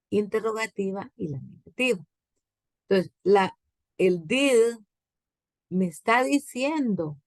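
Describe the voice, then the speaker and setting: A woman with a Guatemalan accent teaches an English grammar lesson at an unhurried, deliberate pace. Her voice carries a heavy gravelly fry, and it sounds close and dry with no room around it. She repeats each example word and its translation patiently. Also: medium pitch, dry recording. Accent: Guatemalan Spanish.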